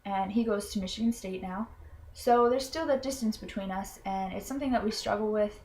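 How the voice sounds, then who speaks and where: A young adult college student from Florida earnestly explains something in a personal explanatory video, sounding self-conscious and hesitant with frequent ums and restarts. Her mid-range voice is brisk and a little mellow. There's slight background noise.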